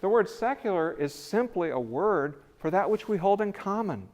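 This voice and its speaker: An older man, a visiting scholar, gives a conversational lecture in a church sanctuary, his high-pitched, darkish voice big and expressive as he stresses key words with a rise. He talks at a normal speed, first into a podium mic and then away from it.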